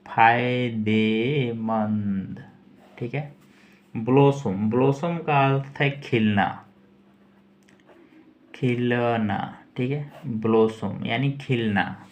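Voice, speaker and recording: Guy teaching english words super slow, spells each one out, repeats a lot, mid pitched voice. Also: dull audio. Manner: spells words letter by letter and repeats them slowly. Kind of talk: slow pronunciation lesson.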